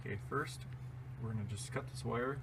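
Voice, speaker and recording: A man with a mid-range voice hosts a DIY tutorial at a moderate pace, walking through the hands-on steps in a casual, plain-spoken, easygoing way. The home-video audio is clearly noisy.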